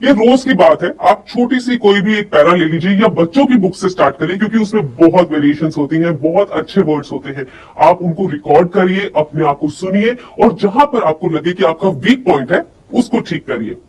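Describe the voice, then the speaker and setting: Her voice is fairly low, expressive, and brisk, with a slightly mellow quality. As a coach in voice and personality development, she gives an instructional lesson, addressing listeners directly through demonstrations and rhetorical questions. It's recorded on a distant mic with faint noise behind her.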